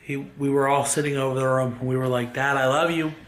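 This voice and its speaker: A man's voice: mid-range voice, little pitch movement, slight background noise. Young guy vlogging, choked up, stops and restarts a lot, roomy echo. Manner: halting, emotional, fighting back tears. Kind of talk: grieving personal vlog. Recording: roomy echo with faint ambience.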